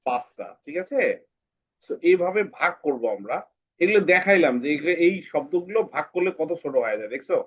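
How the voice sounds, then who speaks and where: Male teacher, patient with children, repeats words slowly; somewhat high voice, muffled lo-fi audio. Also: animated. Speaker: English teacher. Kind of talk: online class for children. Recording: dull lo-fi sound.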